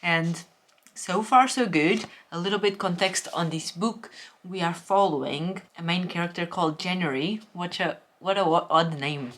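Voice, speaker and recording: A woman vlogging about books in a casual chat, candid and opinionated, with lively exclamations. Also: lowish voice, moderate pace. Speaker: book vlogger. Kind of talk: casual book review vlog.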